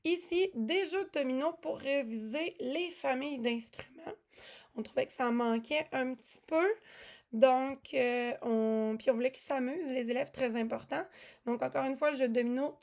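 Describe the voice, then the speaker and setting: A woman's voice: high-pitched, darkish tone. A woman casually walking through music classroom materials, chatty with many fillers and restarts. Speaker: music teaching resource presenter.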